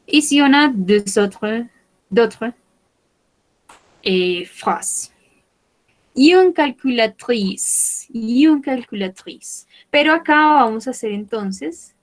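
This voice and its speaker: A woman gives an online French lesson in a slow, unhurried voice. She repeats every word two or three times and spells out the pronunciation carefully, like a patient teacher. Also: on the high side, rough recording.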